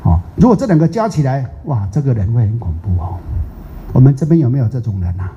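A man's voice: medium pitch, big pitch swings, quick pace, mellow, slight background noise. An older man from Taiwan, a Buddhist teacher giving a chatty, teasing dharma talk, drawing out English words. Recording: muffled lo-fi recording.

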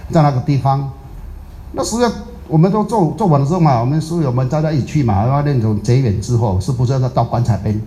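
A man gives a dharma talk as a Buddhist master, his voice strikingly dark and mellow. He tells stories with lively energy and keeps checking whether his listeners follow. He also slips English words into what he says. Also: medium pitch. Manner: drops English words into speech.

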